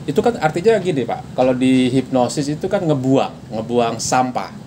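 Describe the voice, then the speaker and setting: A man's voice: medium pitch, expressive, normal speed, a little mellow, a little hiss or hum. A man hosting a podcast, asking probing follow-up questions in a casual chat. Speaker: podcast host. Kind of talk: casual interview.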